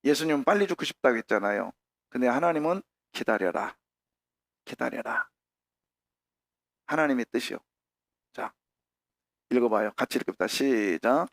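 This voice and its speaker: A middle-aged man preaching a sermon as pastor, animated, with sudden shouted peaks, and acting out prayers in a conversational voice. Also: medium pitch, fairly quick, long pauses, no echo. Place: church sanctuary.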